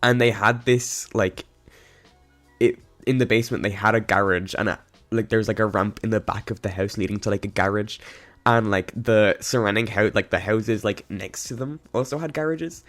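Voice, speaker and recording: Hoarse, giggly man rambling. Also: lowish voice, normal speed, a bit bright. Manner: rambling, giggly, many ums and restarts. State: hoarse, coughing. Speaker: game builder narrating a speedbuild. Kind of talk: casual voice-over commentary. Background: faint background music.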